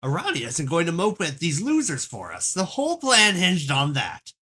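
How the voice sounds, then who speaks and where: A performer voicing a loud, foul-mouthed, indignant troll leader with theatrical exasperation in an amateur comic dub. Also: medium pitch, wildly swooping pitch, moderate pace, slightly rough, heavily acted. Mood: exasperated. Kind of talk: amateur group dub of a comic chat log.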